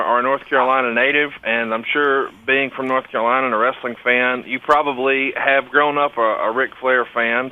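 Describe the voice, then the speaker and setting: A man co-hosting a podcast poses conversational interview questions. His voice is mid-pitched and comes through a tinny, phone-like line.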